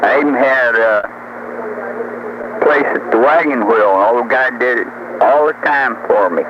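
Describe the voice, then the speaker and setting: This older man's CB radio chat is rambling, folksy and boastful, peppered with rhetorical questions. He speaks at a medium pitch, slowly but with animation, and the tape is noisy and muffled.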